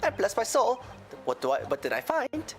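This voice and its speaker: A man's voice: very high voice, wildly swooping pitch, moderate pace, soft background music, pitched above the performer's own voice, exaggerated voice. A man voicing a folksy, genial Irish moneylender in a courtroom game, with an Irish accent and a theatrical lilt. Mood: dramatic storytelling. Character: folksy, smooth-talking Irish moneylender, genial male witness. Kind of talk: voiced reading of game dialogue.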